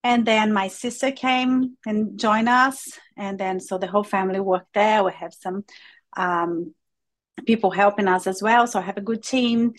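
A woman from Brazil, a native Portuguese speaker with a Brazilian accent, telling her story as an interview guest in a halting way full of fillers. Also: medium pitch, steady tone. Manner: halting, with many fillers and restarts. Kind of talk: conversational interview.

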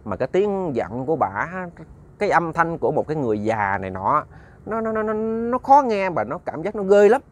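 A man's voice: a little high, big pitch swings, brisk. A man narrating a ghost story conversationally, often repeating words and talking to his listeners.

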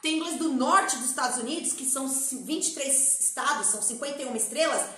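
A woman from Brazil teaching an English lesson in a lively, chatty way, repeating words and phrases for her students. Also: high-pitched, fast talker, echoey room. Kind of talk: lively classroom-style language lesson.

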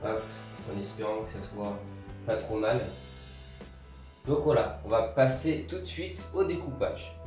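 Speaking in a lowish voice, this young man chats casually through a homemade sewing tutorial, plugging pauses with little interjections and plenty of "hop, voilà." He's indoors in a bare, grey-walled room. A distant camera mic picks up echo and some faint music.

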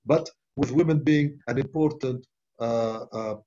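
Husky older man, halting video-call answers. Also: medium pitch, mellow. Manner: halting, many uh fillers and restarts. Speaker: panelist, development bank official. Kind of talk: answering questions on a webinar. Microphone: laptop webcam video call. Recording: muffled video-call audio.

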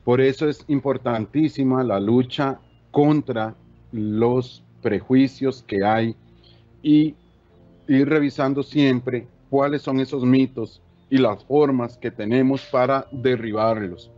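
A man's voice: mid-range voice, takes it slowly, mellow, lo-fi sound. A man with a Costa Rican accent giving an explanatory talk to teachers, often adding tag questions. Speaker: education official giving a talk. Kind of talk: presentation to teachers.

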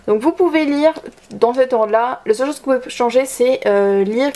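Young woman vlogger, a touch high-pitched, relaxed and hesitant shelf-tour talk. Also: normal speed. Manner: chatty, hesitant with frequent fillers. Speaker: manga collection vlogger. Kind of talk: casual shelf tour narration.

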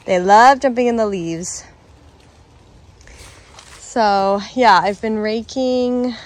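A slow-paced woman with a voice on the high side vlogs casually about parenting, filming on a handheld phone. She's an American in her thirties, moving from her home's interior out to the yard and driveway amid clearly noisy background sound.

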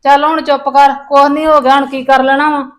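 Lady doing a tired mom, high voice, told-you-so. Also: level tone, brisk, natural voice. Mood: reproachful. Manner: reproachful. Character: weary older mother scolding her daughter. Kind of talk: family drama acting.

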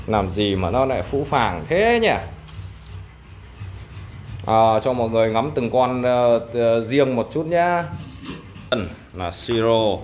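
A man with a mid-pitched voice talks casually as a pet vlogger, addressing his dogs and his viewers. His manner is coaxing, with short commands mixed into the chat. The handheld home recording carries clear background noise. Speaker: dog owner and vlogger. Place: indoor tiled room at home. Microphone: handheld phone behind the camera.

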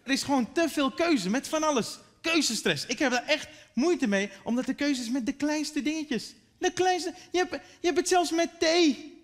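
A man in his thirties doing a stand-up routine on a theater stage into a stage microphone, animated and acting out his relatives. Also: very high-pitched, moderate pace. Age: 30s. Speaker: stand-up comedian. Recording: echoey theater hall.

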